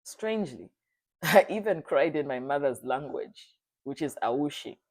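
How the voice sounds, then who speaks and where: A speaker from Zambia giving an earnest, solemn personal testimony, sometimes halting and restarting. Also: medium pitch, animated. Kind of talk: reflective spoken testimony.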